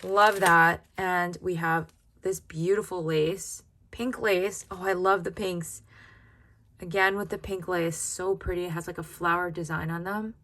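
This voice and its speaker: A woman's voice: on the low side, steady tone, unhurried. A woman giving casual unboxing commentary in a gushing, grateful manner, drawing out her exclamations. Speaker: craft vlogger unboxing happy mail.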